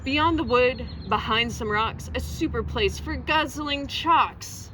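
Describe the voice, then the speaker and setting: Outdoors in front of a public library, a woman reads a children's poem aloud in a high-pitched voice, taking it slowly. As a library reader presenting the poem, she delivers it in an animated, theatrical storytelling style. Faint traffic noise sits in the background of the outdoor recording.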